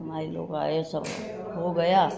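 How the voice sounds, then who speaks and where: An older woman tells her memories in a rambling, personal way and acts out the voices of others. Her voice sits somewhat low. The recording is roomy, with a crowd murmuring behind her. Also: little pitch movement, slow, gravelly. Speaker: interviewee recalling her past. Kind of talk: personal memoir storytelling. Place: hospital room.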